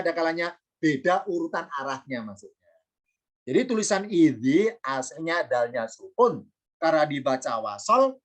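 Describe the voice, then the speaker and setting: A man's voice: a little high, fairly bright tone. A man teaching Quranic Arabic grammar in an online lesson. He reads Arabic word by word, translates each one, and answers his own rhetorical questions. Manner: asks rhetorical questions and answers them himself; patient, repeats key points.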